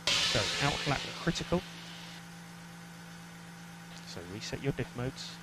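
A man's voice: medium pitch, takes it slowly. A man working as a race engineer, giving terse pit radio calls in clipped instructions. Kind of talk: team radio communication. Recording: noisy team radio with loud hiss.

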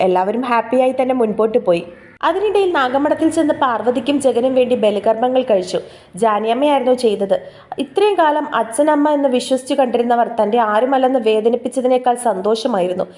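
A woman's voice: on the high side, darkish tone. A woman narrating a romance audio story in an intimate, gossipy storytelling manner.

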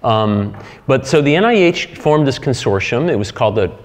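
A middle-aged man giving a conference keynote, halting and full of fillers and restarts. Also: mid-range voice, expressive. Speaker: keynote speaker. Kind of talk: conference talk. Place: lecture hall. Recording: hall reverb.

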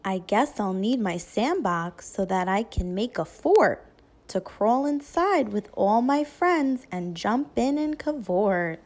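Reading a picture book to children, a teacher-like woman tells the story in an expressive, deliberate, child-directed way. Her voice sits in the mid range.

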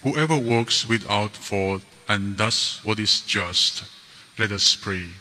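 A priest speaking the words of the Mass slowly and solemnly at the altar of a large church. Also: male voice, on the low side, sharp tone. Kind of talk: liturgical speech at Mass. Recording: church hall reverb.

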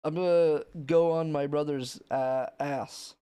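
A man's voice: fairly high pitch, steady tone, slow pace, warm tone, smooth, dry recording, studio quality. A man streaming and chatting with viewers in a loose, mumbling way, heard through a livestream headset mic. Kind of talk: casual chat with viewers.

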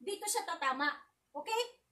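A woman vlogger teaching a casual self-defense lesson, out of breath, chatty and laughing, with sharp counted shouts. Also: very high voice, expressive, moderate pace. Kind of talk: casual live tutorial with counted drills. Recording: voice distant from the mic.

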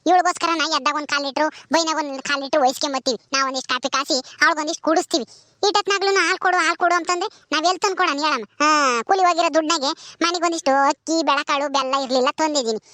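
A woman's voice: high-pitched, rapid-fire, no echo, clean studio sound. A woman playing a poor village mother, scolding her hungry daughter in a village skit. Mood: worn out. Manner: scolding, loud and exasperated. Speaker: actor in a village drama.

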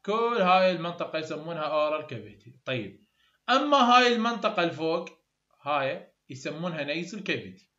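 A man's voice: on the high side, a bit bright. Iraqi man teaching in echoey room. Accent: Iraqi Arabic. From Iraq. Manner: explains step by step, repeats terms for learners. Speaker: English phonetics tutor. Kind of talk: recorded online lecture. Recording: echoey room, dull lo-fi sound.

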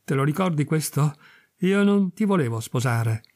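A man's voice: a little high, lively intonation, moderate pace, darkish tone, no room sound, studio quality. A man voicing a desperate peasant wife who speaks through tears, defiant and pleading. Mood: sobbing. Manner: tearful, pleading.

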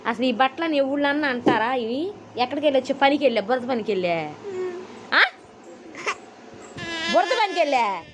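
High-voiced woman sternly scolding a child. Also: expressive, moderate pace, long pauses, background noise. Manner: stern scolding with repeated questions and commands. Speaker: mother scolding her small child. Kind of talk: casual home vlog, talking to a child.

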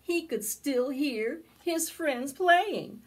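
At library storytime, a middle-aged woman reads a picture book aloud to preschoolers, indoors in front of a decorated backdrop. Her high-pitched voice is expressive, and she draws words out for her young listeners.

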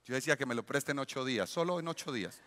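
A pastor preaching an emphatic sermon and acting out scenes from family life. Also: male voice, medium pitch, expressive, racing, a bit bright, in a large hall.

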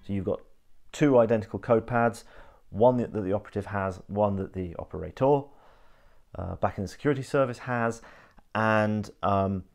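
Sitting on a sofa in his living room, a video channel host in his thirties talks casually to camera. He explains things thoroughly and hesitantly, in a geeky manner, and his voice is lowish and a little mellow.

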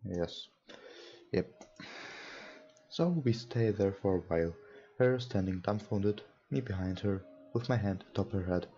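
A young man who isn't a native English speaker hosts a gaming session, reading a visual novel aloud and adding casual, hesitant comments. His deep voice is mellow and slightly rough, unhurried, with frequent pauses. A dull lo-fi mic picks him up over game music and mouse clicks.

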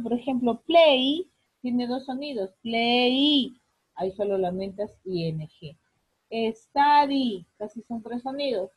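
Woman teacher, online class, husky voice, slow and patient, dry sound. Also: fairly high pitch, darkish tone, no echo, poor audio. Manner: slow, patient explaining with drawn-out English examples. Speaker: English teacher.

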